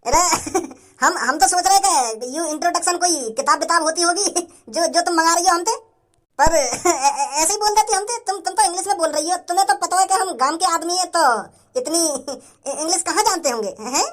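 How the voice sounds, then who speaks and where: A boastful village thug swaggers through a cartoon, as a woman puts him on. He stammers, chuckles and brags, and the voice sits very high for a man. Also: normal speed, fairly bright tone. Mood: sheepish. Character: boastful rustic male village thug, grinning. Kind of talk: cartoon voice acting.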